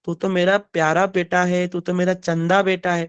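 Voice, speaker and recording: A man voicing a loving mother who gently coaxes her little son. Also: sits high, level tone, normal speed, clean tone, dry recording, highs cut off, lightly acted. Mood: coaxing. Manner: tender, coaxing.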